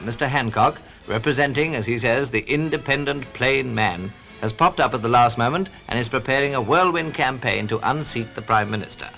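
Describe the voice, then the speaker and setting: A British man narrates scripted newsreel commentary in 1940s style, his mid-range voice bright and forceful. It's a vintage 1940s newsreel soundtrack with music playing in the background.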